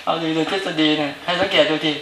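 Chatty monk, slightly high voice, roomy echo. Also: male voice, fairly even intonation, fast talker, sharp tone, a little hiss or hum. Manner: conversational, keeps asking listeners to agree. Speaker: Buddhist monk. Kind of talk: informal dharma talk. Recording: roomy echo with faint ambience.

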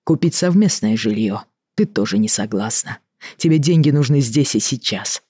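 Reader as a weary middle-aged doctor at the end of his rope; reproachful, husky, dry. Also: mid-range voice, expressive, mellow, no echo, pitched below the performer's own voice. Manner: tired, reproachful, measured. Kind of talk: audiobook reading.

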